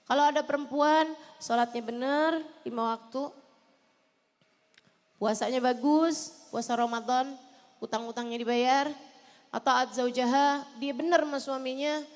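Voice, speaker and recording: High-voiced woman preacher in a reverberant hall. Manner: animated, addresses the women listening directly; chants Arabic lines in prayer. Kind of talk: sermon.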